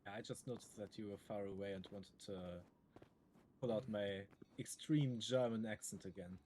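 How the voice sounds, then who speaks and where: A man's voice: lowish voice, fairly even intonation, moderate pace, mellow, slight background noise. A man chatting while playing a game with friends, joking and teasing with wordplay. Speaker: co-op game player. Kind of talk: casual gaming chat.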